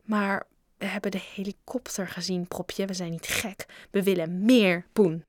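A woman's voice: mid-range voice, fairly even intonation, unhurried, no echo, studio quality, close to an everyday voice. A woman voicing a pair of greedy schoolboy bullies who wheedle and threaten in a storybook reading. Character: twin schoolyard bullies, boys, sly and greedy.

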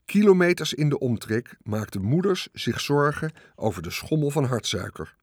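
Reading a children's story at normal speed, this slightly rough-voiced male narrator follows the action expressively, letting his pitch rise and fall. The sound is dry and studio-grade.

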